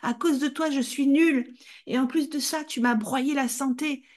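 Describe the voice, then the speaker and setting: A woman voicing a furious teenage boy who shouts and sobs at his mother in rage. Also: lively intonation, a little slow. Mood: raging. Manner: shrill, shouting, tearful rage.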